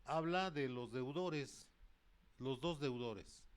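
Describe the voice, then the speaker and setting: A male preacher, mid-pitched and unhurried, working through a Bible passage. He reads verses with rising emphasis and then drops into plain, conversational explanation, often pausing to correct himself. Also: clean tone. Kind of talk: sermon with Bible reading.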